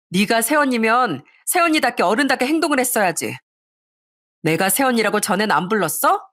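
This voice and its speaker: Woman doing an angry young woman, contemptuous, shouting, storybook reading. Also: mid-range voice, slightly rough. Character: sharp-tongued young woman berating her sister-in-law.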